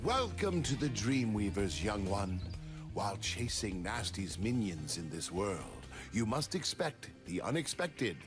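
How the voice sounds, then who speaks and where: Solemn old dragon elder. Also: male voice, fairly low pitch, big pitch swings. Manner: slow, solemn, cryptic counsel. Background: game music.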